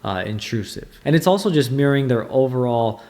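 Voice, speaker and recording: A man giving casual, emphatic sales coaching to the camera, with quick asides and acted-out client questions. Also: medium pitch, lively intonation, a little mellow. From United States. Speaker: sales trainer.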